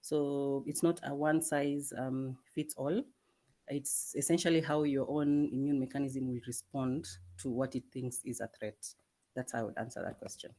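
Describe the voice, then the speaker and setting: Woman, medical specialist on a video-call panel; mellow, hesitant, measured delivery. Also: very deep voice, fairly even intonation. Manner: measured, many hesitant ums, soft-spoken. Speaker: dermatologist guest. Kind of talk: answering questions in a webinar panel.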